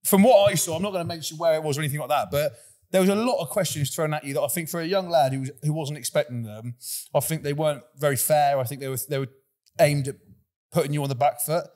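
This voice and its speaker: A man's voice: fairly high pitch, fast, a little mellow. A man hosting a casual podcast, rambling and repeating words as he starts sentences, often laughing between lines. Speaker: podcast host.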